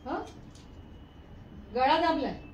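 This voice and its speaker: A woman's voice: high voice, lively intonation, extremely slow, muffled recording. An older woman in a comic sketch, nagging and scolding her husband at length. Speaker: wife. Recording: echoey room, mic from a distance, faint noise.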